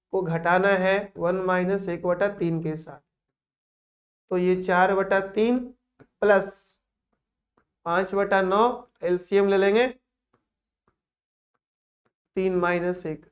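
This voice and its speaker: Male math teacher, slow and playful, lo-fi sound. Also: high-pitched. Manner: playful, teasing asides between calculations. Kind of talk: classroom lecture.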